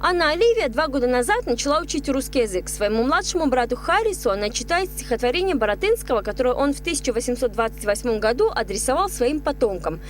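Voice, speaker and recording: A woman's voice: high-pitched, big pitch swings, fast, hardly any pauses, a little hiss or hum. A woman reading a scripted television news report as a reporter's voice-over.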